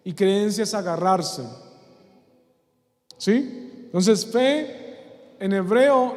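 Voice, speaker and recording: Male pastor, sermon, high voice, questions to the crowd, long hall reverb. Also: darkish tone. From Colombia. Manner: asks the congregation questions, repeats key words. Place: church hall.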